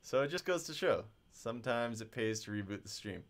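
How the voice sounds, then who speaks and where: A man teaching physics on a casual livestream, chatting and muttering to himself about a slow stream while he works through homework questions. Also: mid-range voice, expressive. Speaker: physics instructor.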